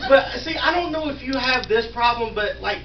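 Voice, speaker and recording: A man in his thirties works a small crowd, joking at his own expense and teasing the people up front. His voice sits high for a man. The live recording is roomy and dull, with a steady buzz of ambience behind him. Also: normal speed, distant mic, noisy background. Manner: self-mocking, bantering with the audience. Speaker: stand-up comedian. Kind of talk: live stand-up set with crowd work. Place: small indoor venue in a wine store.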